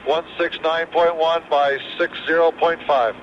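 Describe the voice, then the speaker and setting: Brief: man as an astronaut, flat clipped status readout over crackly space radio, muffled and hissing. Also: fairly high pitch. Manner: clipped, flat, reads numbers in quick bursts. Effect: crackly space radio transmission. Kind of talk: terse radio status report. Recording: dull noisy archival radio downlink.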